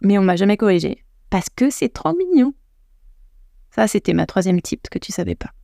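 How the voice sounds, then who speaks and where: Young french woman hosting a podcast, slight vocal fry, dry close mic, chatty. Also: medium pitch, big pitch swings, moderate pace, warm tone, no echo. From France. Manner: chatty, addresses listener directly, many restarts. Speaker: podcast host, English coach. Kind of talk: casual advice talk.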